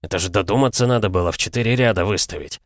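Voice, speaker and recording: A man's voice: on the low side, very fast, no room sound, studio quality, lightly acted. A man voicing a grumbling, folksy older male tank driver in an audiobook.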